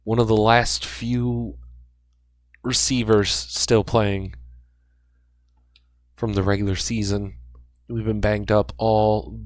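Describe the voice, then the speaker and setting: A young man giving excited sportscaster-style play-by-play over a football video game, with rambling asides. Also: lowish voice, no room sound, studio quality. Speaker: gaming YouTuber.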